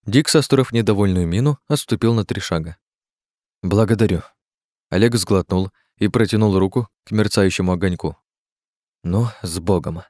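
Deep-voiced man reading an audiobook. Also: fairly quick, hardly any pauses, darkish tone, no echo, studio quality. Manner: reads steadily, shifts pitch for dialogue. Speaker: audiobook narrator. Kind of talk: audiobook narration with character voices.

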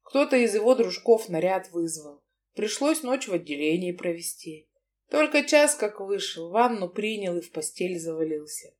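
A woman's voice: medium pitch, animated, normal speed, a little mellow, natural voice. Woman voicing a drowsy, evasive young man. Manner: drowsy, mumbling. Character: sleepy, evasive young man, lying smoothly.

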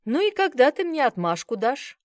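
A woman's voice: sits high, very animated, moderate pace, darkish tone, no room sound, studio quality, pitched above the performer's own voice. Woman reading as a joking male cop friend. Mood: bantering. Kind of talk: audiobook reading.

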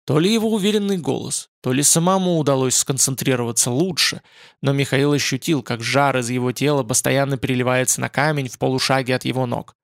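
A man narrating a fantasy audiobook in an expressive, lively reading. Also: medium pitch, fairly quick, creaky, dry recording, studio quality.

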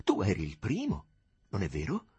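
A man's voice: low voice, wildly swooping pitch, moderate pace, dark tone, husky, full character voice. A man voicing a refined young woman in an audiobook, reproachful and pressing with questions. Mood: cool. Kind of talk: audiobook character reading.

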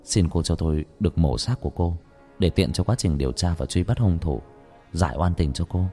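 A solemn young police examiner murmurs in a low, hushed voice, as the narrator acts him out. He sounds reverent and careful. Faint music runs under the spoken ghost story. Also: brisk, lightly acted.

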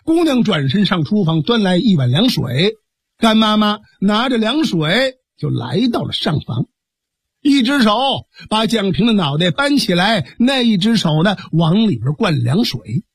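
Storyteller guy, super animated, husky high voice. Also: measured pace, no echo, studio quality. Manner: animated, colloquial. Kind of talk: traditional storytelling broadcast.

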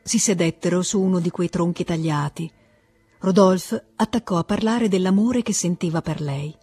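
Breathy woman reading a classic novel. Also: fairly low pitch, no room sound, soft background music. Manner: measured, calm reading. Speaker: audiobook reader. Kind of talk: literary audiobook narration.

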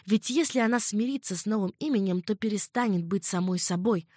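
A woman narrating an audiobook in a measured, dramatic reading. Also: mid-range voice, darkish tone, dry recording, clean studio sound. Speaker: audiobook reader. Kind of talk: scripted narration.

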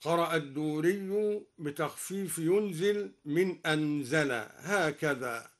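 Egyptian male scholar, unhurried scholarly explanation, slightly high voice, chants the verses. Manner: slow and measured, chanting the quoted verses. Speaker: Quran recitation teacher. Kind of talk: scholarly explanation of Quran readings. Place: radio studio.

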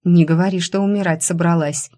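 A woman voicing a sharp-tongued young female student who scolds and mocks her rival. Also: fairly low pitch, steady tone, fairly quick, close to an everyday voice. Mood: scolding. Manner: scolding, sardonic.

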